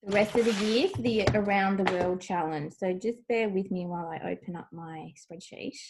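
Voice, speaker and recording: A woman's voice: medium pitch, moderate pace, a little mellow. A middle-aged woman chatting casually as she shows things on a video blog, recorded at home over a video call. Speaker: co-host of a craft video blog. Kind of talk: casual show-and-tell chat.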